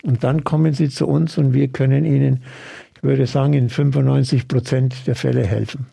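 A man who runs a treatment practice, explaining his therapy approach earnestly and in measured steps in an interview. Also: mid-range voice, fairly even intonation, creaky, dark tone, breathy edge. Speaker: osteopathic practitioner.

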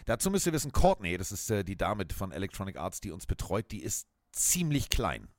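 A man with a German accent co-hosting a chat podcast, telling lively anecdotes and mimicking the voices of people in them. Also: lowish voice, a little fast, no room sound, clean studio sound. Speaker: podcast co-host. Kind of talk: casual chat, animated storytelling.

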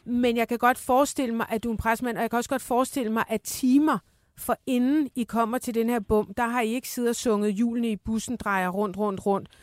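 A fairly high female voice, recorded dry and close in a radio studio. She questions her guest carefully, hesitating and filling pauses as she builds her point. Her tone stays measured and probing. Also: fairly even intonation, darkish tone, no room sound. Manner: careful, hesitant, many fillers. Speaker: radio host.

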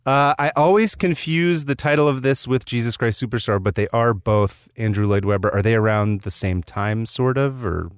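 A man's voice: mid-range voice, moderate pace, few pauses, clear, resonant tone, dry recording. A man hosting a casual podcast chat from inside a closet at home, joking and poking fun at himself. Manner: joking, self-mocking. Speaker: podcast host.

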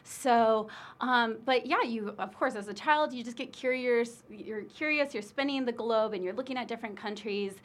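A woman from Illinois, United States, who works as an international admissions recruiter talks in a casual interview. Her voice is on the high side, at normal speed with few pauses, and she's chatty, sprinkling in plenty of fillers like "um" and "you know."

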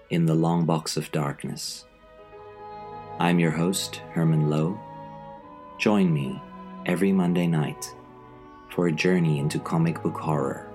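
A man's voice: extremely low pitch, a little mellow. A man hosting a podcast, reading a scripted promo in an ominous horror-host manner.

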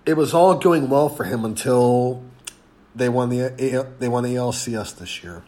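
A man hosting a casual sports podcast, congested and hoarse, rambling and halting with fillers. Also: medium pitch, darkish tone. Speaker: podcast host.

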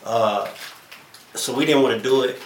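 A man in his thirties, a comedian guest, talks in a relaxed drawl with slang, often trailing off mid-thought. His voice sits at a middling pitch. The room is echoey, with a faint hiss behind him. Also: normal speed. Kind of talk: casual podcast chat.

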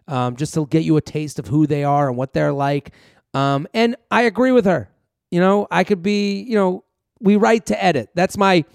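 A man's voice: sits high, vocal fry, smooth, no room sound, studio quality. A man hosting a solo podcast in a casual, rambling monologue, talking straight to his listeners like a comedian. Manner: rambling, conversational, addresses listeners directly.

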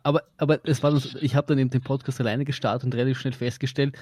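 A man's voice: medium pitch, steady tone, rapid-fire, darkish tone. A man with an Austrian accent telling stories in casual chat as a podcast guest, with a wry, joking manner.

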